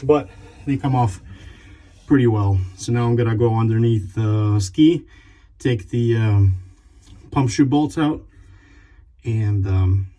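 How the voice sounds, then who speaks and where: A man hosting a casual garage how-to vlog, talking in a relaxed, rambling way with lots of ums and uhs. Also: mid-range voice, takes it slowly, pauses often. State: out of breath at times. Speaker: garage channel host. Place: home garage workshop.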